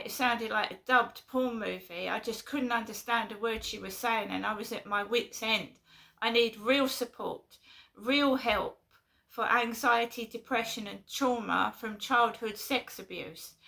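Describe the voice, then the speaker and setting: Exasperated, this London vlogger keeps repeating herself in short bursts as she vents to the camera in a casual video, her London accent clear. Her voice is a little high, creaky and sharp in tone.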